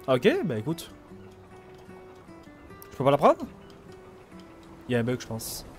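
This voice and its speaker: A man's voice: medium pitch, very animated, takes it slowly, soft background music. A young man from France giving casual, jokey commentary while playing a video game, full of slang and banter. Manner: reads tutorial text aloud. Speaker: gamer streamer. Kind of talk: casual let's play commentary.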